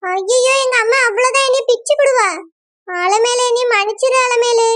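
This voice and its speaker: A woman's voice: very high-pitched, moderate pace, fairly bright tone. A woman doing a nervous young village girl. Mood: apologetic. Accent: Kanyakumari Tamil. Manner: apologetic, refusing. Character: nervous young village girl friend, fearful of her mother.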